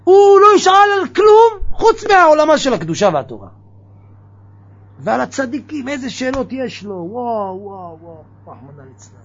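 A man giving a lively religious sermon, firing off mocking rhetorical questions. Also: extremely high pitch, lo-fi sound. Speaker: preacher.

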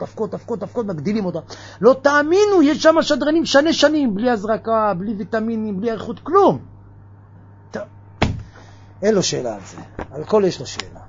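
A man giving a lively religious sermon, firing off mocking rhetorical questions. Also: high-pitched, gravelly, muffled recording, a little hiss or hum. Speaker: preacher.

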